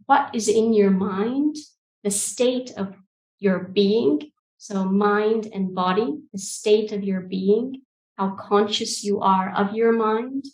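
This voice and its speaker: A woman in her forties, from Egypt and the UK, answers interview questions in a calm, reflective manner, pausing often. She talks through an earbud mic on a video call. Her voice is a little gravelly and the room sounds echoey. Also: medium pitch. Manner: thoughtful, calm, hesitant with ums. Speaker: guest coach. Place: room with bookshelves. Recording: roomy video call audio.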